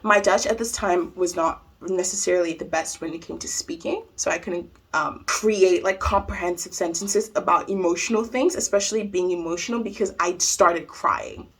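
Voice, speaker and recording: A young adult woman vlogger telling a personal storytime in an animated way, laughing often. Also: lowish voice, normal speed, hardly any pauses, slightly rough. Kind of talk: storytime vlog.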